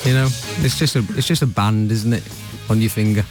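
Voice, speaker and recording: Quick-talking joking male guest. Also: lowish voice, music in the background. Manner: quick, joking, laid-back. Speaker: guest musician. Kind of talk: casual radio chat.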